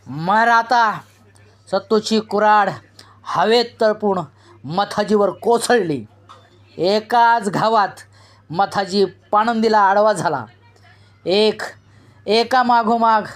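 A narrator reading a novel aloud in a slow, deliberate storytelling manner. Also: mid-range voice. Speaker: audiobook narrator.

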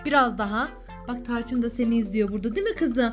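A woman with a fairly high voice chats as a mother hosting a casual children's vlog. She is playful and coaxing, full of sing-song questions, over faint background music. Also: fast talker.

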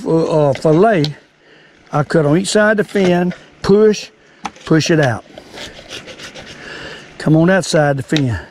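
An older man from behind a home camera talks in a folksy old fisherman way with a Southern US accent. His voice sits fairly high for a man. He explains things casually and repeats himself, with some background noise on the recording. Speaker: cooking and fishing video host. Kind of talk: casual how-to chat.

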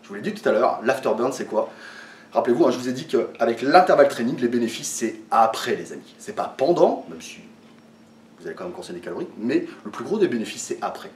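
A man's voice: medium pitch, expressive, fast talker, darkish tone, recorded from a distance. A man from France explaining a workout to camera in a casual, hesitant way, with many fillers and restarts, a little tired. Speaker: fitness vlogger. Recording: echoey room, voice away from the mic.

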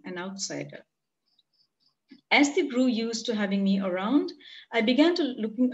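Speaking from a home room on a video call, an Indian-accented woman in her forties delivers a conference presentation she reads from notes, earnest and measured. Her pitch runs a little high, and the computer mic leaves the sound muffled and lo-fi.

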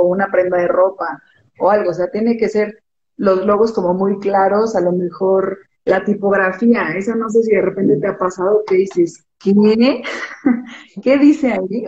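A woman's voice: mid-range voice, a little mellow, echoey room, highs cut off. A woman with a Mexican accent, an image consultant chatting casually in an interview, explaining with everyday examples.

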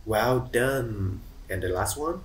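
A man teaching English to children, slow and encouraging and praising them often. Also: mid-range voice, animated.

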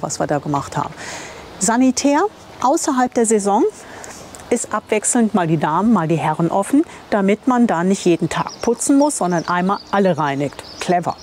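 An older woman who vlogs about camper van travel leads a chatty, enthusiastic and teasing tour to camera, moving between the outdoors and small tiled rooms at a campsite. Her voice is medium in pitch with a darkish tone. She's recorded on a clip-on lapel mic, with clear, noisy ambient sound on location.

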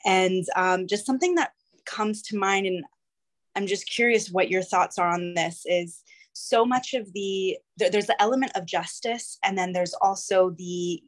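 A woman's voice: mid-range voice, measured pace. A woman from California, an audience member at a talk, asking a friendly, somewhat hesitant question with many fillers.

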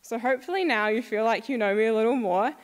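A woman's voice: fairly high pitch, fast talker. A young woman with a New Zealand accent giving a friendly, upbeat prepared talk to a school audience. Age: young adult. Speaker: alumna speaker. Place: school hall. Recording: long hall reverb.

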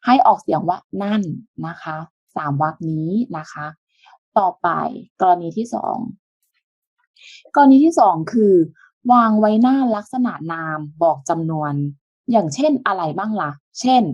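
A woman's voice: mid-range voice, lively intonation, measured pace, no echo, dull audio. Patient woman teaching a language lesson. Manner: patient step-by-step explaining with soft polite sentence endings.

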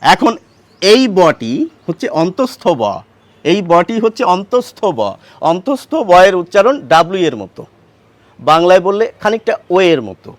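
A man gives a pronunciation lesson in a high voice that rises and falls with lively expression. He explains patiently, asking questions and answering them himself. The sound is close and dry, with no room around it. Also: normal speed, dry recording. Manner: patient, asks and answers his own questions. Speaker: Bengali pronunciation teacher.

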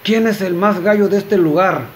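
A man voicing a big, loud gunslinger who shouts his demands across a cantina in a joke. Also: high voice, normal speed, a little hiss or hum, voice pushed up, lightly acted. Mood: demanding.

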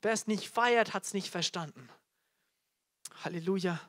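A man's voice: sits high, measured pace, fairly bright tone. Fervent male preacher calling out hallelujahs. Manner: fervent, exclaims hallelujah often, repeats key phrases. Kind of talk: live sermon. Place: church teaching event before a congregation.

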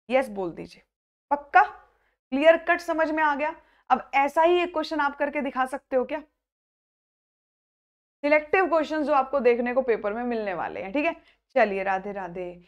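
Woman math teacher, young adult, high voice, energetic, checks in with students constantly. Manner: lively, coaxing students by name, repeats and checks understanding. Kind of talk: live online math class.

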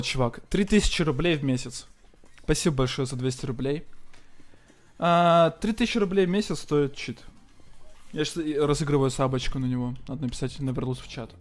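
Male game streamer, excitable and foul-mouthed, chatty slangy live commentary over music. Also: medium pitch. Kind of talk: casual live gameplay commentary, thanking donors.

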